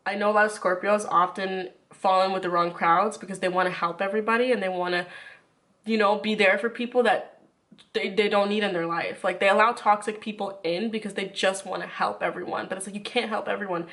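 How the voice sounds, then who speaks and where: A woman's voice: mid-range voice, steady tone, a little fast, a bit bright. A woman chatting casually to viewers in an informal, rambling way with lots of "like", sick with a runny nose. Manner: informal, rambling, frequent filler "like". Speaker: YouTuber.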